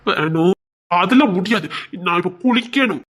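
A woman's voice: on the low side, animated, normal speed. A woman voicing a young village man in love who sulks, pleads and puts on crying fits. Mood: whiny. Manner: whiny, pleading, mock-crying. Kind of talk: village romance drama acting.

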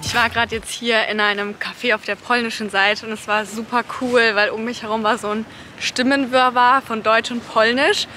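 A woman's voice: on the high side, steady tone, normal speed, music in the background. Upbeat woman vlogging to camera. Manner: chatty and upbeat, thinking aloud. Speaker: travel vlogger. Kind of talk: casual vlog talk to camera. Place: outdoors and inside a small car.

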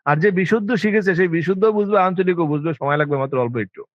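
A man's voice: sits high, fast talker, no room sound. A man with a Bangladeshi Bengali accent giving an informal lecture on Arabic to students, emphatic and full of rhetorical questions. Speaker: Arabic language teacher. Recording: dull lo-fi dry sound.

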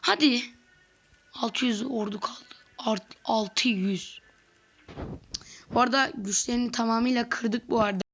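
A woman doing let's play commentary on a strategy game, excitable and slangy, often yelling at the game. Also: a little high, measured pace, long pauses. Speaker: gaming video creator. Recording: lo-fi with faint noise.

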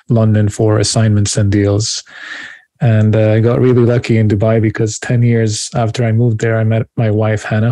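A man in his thirties from Lebanon, a finance advisor and podcast guest, speaking calmly over a video call from a room at home. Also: on the low side, creaky, dry recording. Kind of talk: remote podcast interview.

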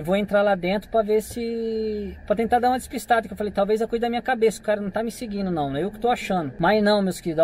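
Fast-talking Brazilian man telling a story. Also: sits high. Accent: Brazilian Portuguese. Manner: fast, animated retelling with acted-out dialogue. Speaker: vlogger. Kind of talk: casual storytelling to camera. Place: parked outside a convenience store.

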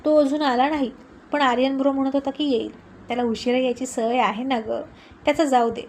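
A woman's voice: high voice, steady tone, a little fast, darkish tone, slight background noise. A woman doing a loyal, coaxing best friend. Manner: coaxing, concerned.

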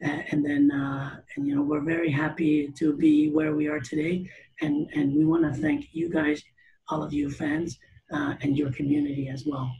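Middle-aged founder from Canada, chatty guest, fairly high for a man, gravelly, heard through a webcam. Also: sing-song, normal speed, dark tone, muffled recording, slight background noise. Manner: chatty, many fillers and restarts. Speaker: startup founder interviewed. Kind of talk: video call interview. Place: room with teal curtains. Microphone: video call webcam.

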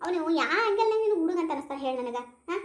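A woman's voice: very high-pitched, animated, racing, background noise. A woman voicing a stubborn young woman who refuses an arranged match, in a North Karnataka Kannada accent. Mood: mocking. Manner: defiant, mocking. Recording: roomy echo.

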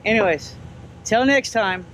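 Speaking at a measured pace in a high voice, a man in his thirties chats excitedly to his action camera while reeling in a fish from his kayak. Slight background noise and poor audio mark the recording, made outdoors on the kayak and at a waterside lot with the camera mounted or held in hand.

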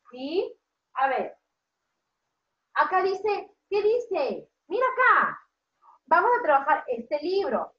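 A woman's voice: very high-pitched, pushed and bright. A woman preschool teacher leading an online class for small children, cheerful and coaxing, praising them by name and telling a story. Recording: roomy, distant, dull sound.

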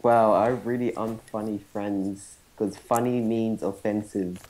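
A man's voice: fairly low pitch, steady tone, a little slow, darkish tone, poor audio. A man playing an online card game with friends, making sarcastic, mocking remarks and jokes. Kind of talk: casual online game chat.

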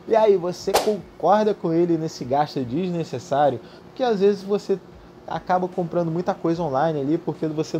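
A Brazilian man hosting a finance channel, reading a scripted list evenly and breaking into quick, chatty asides to viewers. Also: fairly high pitch, background noise. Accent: Brazilian Portuguese. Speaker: YouTube finance channel host.

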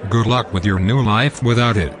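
A man's voice: lowish voice, moderate pace, crowd noise, background noise, natural voice. A male text-to-speech voice playing a curt, insulting government official. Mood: harsh.

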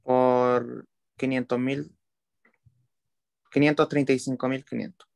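A man's voice: medium pitch, flat delivery, slow, gravelly, a little mellow. A male student giving short, tentative answers to his teacher in class.

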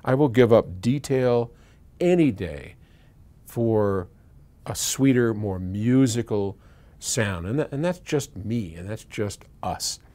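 Speaking slowly with lively intonation, this man has a fairly low, mellow voice. He's the American founder of an audio company, in his sixties, casually and opinionately answering listener questions on camera indoors at his electronics workshop, in halting bursts of speech.

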